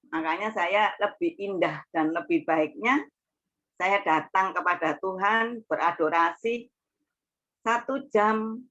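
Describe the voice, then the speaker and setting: A woman's voice: medium pitch, bright, forceful tone. A woman giving an earnest, heartfelt and rambling personal faith testimony. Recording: dull lo-fi recording.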